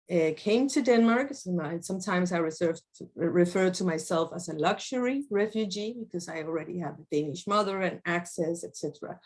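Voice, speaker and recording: A woman from Colombia giving an academic talk on a video call, speaking with many pauses, fillers and restarts. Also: fairly low pitch. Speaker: guest speaker.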